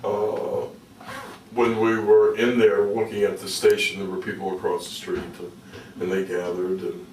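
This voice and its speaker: A man with a deep voice recounts things casually as an interview guest, halting and folksy. He is recorded at some distance in an echoey room. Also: completely flat delivery, a little mellow. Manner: halting, repeats words, folksy. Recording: roomy, distant mic with faint noise.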